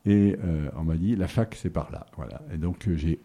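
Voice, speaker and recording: In a relaxed interview, a middle-aged guest from southern France answers questions in a very low, dark, mellow voice. He is hesitant, pausing on fillers and restarting sentences as he recalls his past.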